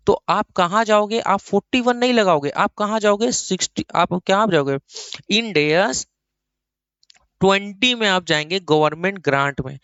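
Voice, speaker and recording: Indian man, accounting tutor, slightly high voice, asks and answers his own questions, dull dry recording. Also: fairly bright tone, clean tone, no room sound. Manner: explains by asking himself questions and answering; mixes English terms into Hindi speech. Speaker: accounting teacher. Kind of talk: classroom lecture.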